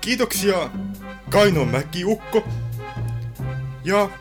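A man's voice: high voice, lively intonation, music in the background. A man hosting a comedic radio segment with a playful, mock-formal delivery. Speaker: radio host.

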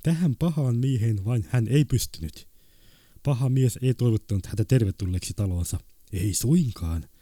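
Dark, husky-voiced male storyteller. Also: mid-range voice, no room sound, studio quality. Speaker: story reader. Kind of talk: reading short stories aloud.

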